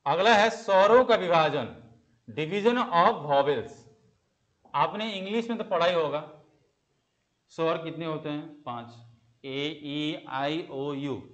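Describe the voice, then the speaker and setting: A man's voice: on the high side, slow, pauses often, fairly bright tone. A young man teaching an exam-prep Hindi grammar lesson. He asks the class questions, answers them himself and repeats the key terms.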